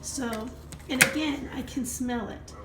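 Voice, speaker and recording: Speaking at a measured pace in a high-pitched voice with vocal fry, a woman with a cold walks through her cooking routine for a casual vlog, demonstrating each step in her home kitchen. The sound is reverberant, and the recording is noisy.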